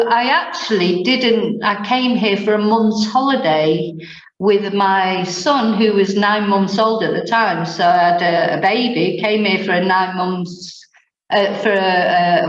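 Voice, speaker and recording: A woman in her forties from Manchester, England, speaks with a Mancunian accent in a medium-pitched voice, steady in tone and a little slow. A language teacher, she's a guest in a casual interview, rambling through her story with fillers and small chuckles. The sound is roomy and the recording muffled.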